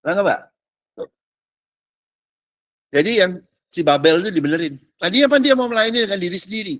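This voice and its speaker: A male pastor preaches in a loose, slangy way, firing off rhetorical questions and dropping in English phrases. His voice sits high for a man. The sound is dry and close, with no room echo. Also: brisk, fairly bright tone. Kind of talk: sermon.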